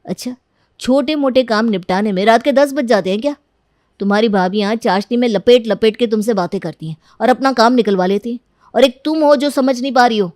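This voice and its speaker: A woman's voice: a little high, fairly quick, darkish tone, no room sound, clean studio sound, natural voice. Cartoon boyfriend: sulky, sarcastic young man, voiced by a woman. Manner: sarcastic, grumbling.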